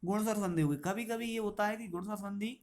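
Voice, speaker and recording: A man teaching a school grammar lesson, asking questions and answering them himself and repeating key terms slowly. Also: high-pitched, a little mellow.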